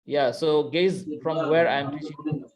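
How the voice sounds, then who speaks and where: Measured and steady in tone, a Bangladeshi man with a fairly high voice lectures a university class online. His speech, picked up by a computer mic on a video call, is hesitant and studded with fillers and restarts.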